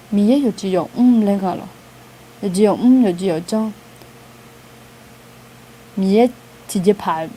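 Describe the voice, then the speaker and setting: Mellow-voiced woman talking to a group. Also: medium pitch, a little hiss or hum. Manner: conversational, with frequent hesitation sounds and light laughter. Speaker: outreach speaker. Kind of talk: informal talk to a group.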